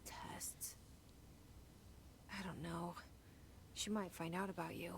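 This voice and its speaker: An actress voicing a young woman's inner thoughts, hushed and doubtful. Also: fairly low pitch, steady tone, takes it slowly, vocal fry, background noise.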